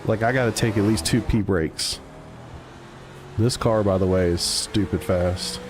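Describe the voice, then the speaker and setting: A man's voice: fairly low pitch, unhurried, background noise. Laid-back man chatting on a racing stream. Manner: laid-back, rambling, answers chat. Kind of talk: casual live-stream chat while racing.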